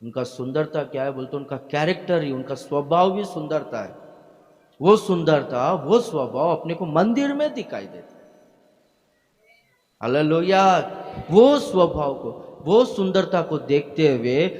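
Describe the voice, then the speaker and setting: A man's voice: a little high, very animated, measured pace, a little mellow. Emphatic preaching man in a reverberant hall. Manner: emphatic preaching with frequent hallelujahs and questions to the congregation. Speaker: pastor. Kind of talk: sermon. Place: church hall.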